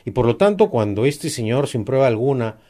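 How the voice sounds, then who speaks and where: A man's voice: medium pitch, very animated, fairly quick, warm tone. A man, giving emphatic, critical political commentary in a discussion, with frequent "eh" fillers.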